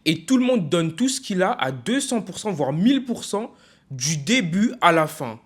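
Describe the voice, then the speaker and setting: A young man from France ranting casually in a video, frustrated and emphatic, halting often with fillers and restarts. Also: high-pitched, very animated, husky. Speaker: football vlogger.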